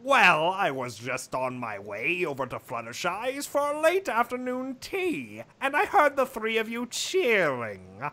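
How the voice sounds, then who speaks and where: A woman voicing a sly, suave male trickster creature with grandiose, drawn-out politeness in a story read aloud. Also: medium pitch, huge pitch swings, sharp tone, heavily acted. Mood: wry, suave. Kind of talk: comic fan fiction read-aloud.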